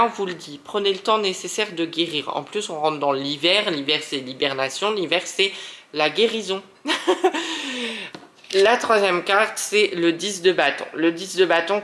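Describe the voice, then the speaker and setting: A man from France doing a casual monthly tarot reading, talking straight to viewers in an animated, self-mocking way. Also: high voice, a little hiss or hum. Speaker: tarot reader.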